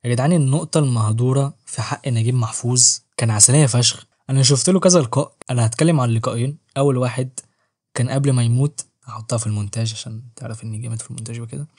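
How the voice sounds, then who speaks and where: Fast-talking joking Egyptian man. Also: mid-range voice, a little mellow, husky. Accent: Egyptian Arabic. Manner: joking, slangy, self-mocking. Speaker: book reviewer and channel host. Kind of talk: casual book review vlog.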